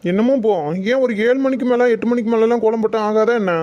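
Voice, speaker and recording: Cartoon husband: a voice actor plays a grumbling, bossy young man, mellow dark tone, dull lo-fi sound. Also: very high-pitched, steady tone, fast talker. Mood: scolding. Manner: grumbling, scolding. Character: grumpy young husband, bossy older brother. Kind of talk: cartoon voice acting.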